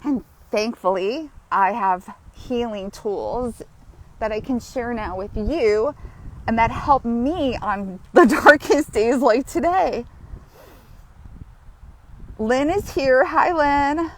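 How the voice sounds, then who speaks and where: Slow, heartfelt woman hosting a live. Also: a little high. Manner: heartfelt, chatty, breaks into laughter. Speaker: grief support host. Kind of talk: live-streamed healing session. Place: outdoors, walking.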